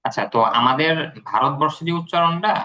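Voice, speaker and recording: A man's voice: a little high, fast talker, sharp tone. A man from Bangladesh tutoring English pronunciation, explaining patiently with many fillers.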